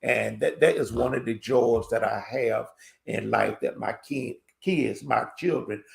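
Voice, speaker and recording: Gravelly older man in a roomy room. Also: mid-range voice. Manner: proud, measured. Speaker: guest. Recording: roomy echo.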